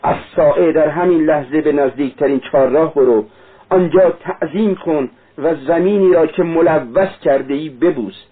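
A man puts on a devout young woman in anguish, her voice pitched high and pleading in a storybook reading. The sound is husky and squeezed through a narrow, lo-fi radio-like band.

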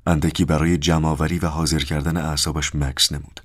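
Super deep guy reading an audiobook, calm and measured, dry close sound. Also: breathy edge, no echo. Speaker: narrator.

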